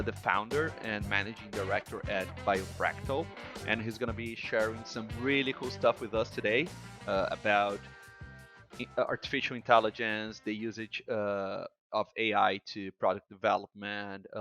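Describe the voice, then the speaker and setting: A man's voice: on the low side, creaky, a bit bright, no room sound. A man hosting a podcast, friendly and leaning on many "uh" fillers. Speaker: podcast host. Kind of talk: podcast interview.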